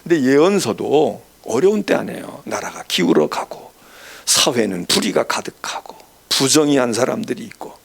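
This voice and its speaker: Lively, gravelly-voiced Korean pastor preaching. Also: male voice, medium pitch, moderate pace. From South Korea. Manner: conversational, acts out quoted voices, swings from soft asides to stern emphasis. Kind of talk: sermon.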